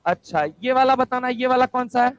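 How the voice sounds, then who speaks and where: High pitched guy teaching chem, keeps asking "bolo haan ya na" type questions n answering himself, dry sound. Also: no room sound, low-quality recording. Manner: drills students with quick rhetorical questions; answers his own questions aloud. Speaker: chemistry teacher. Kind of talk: classroom lecture. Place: classroom.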